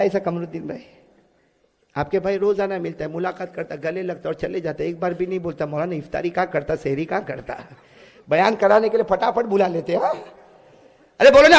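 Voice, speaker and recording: A middle-aged man preaching to a gathering, telling stories with jokes and sudden loud exclamations. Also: high voice, gravelly. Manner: joking, bursts into loud exclamations. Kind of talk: humorous sermon storytelling. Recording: echoey hall reverb.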